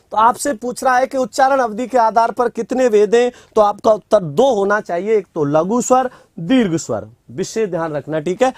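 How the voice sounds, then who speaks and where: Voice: mid-range voice, darkish tone, no echo, clean studio sound. A teacher giving a classroom grammar lecture, asking rhetorical questions, answering them, and dictating notes word by word with repeats.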